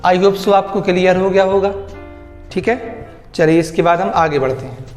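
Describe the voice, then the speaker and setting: A man's voice: high-pitched, fairly even intonation, normal speed, a little mellow. A man teaching a grammar lesson to students, repeating key words back as questions. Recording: echoey room with faint music.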